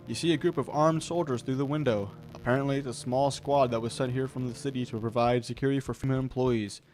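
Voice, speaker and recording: A man's voice: medium pitch, steady tone, fast, darkish tone, soft background music. A man reading game text aloud and commenting casually with wry asides. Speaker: gameplay host.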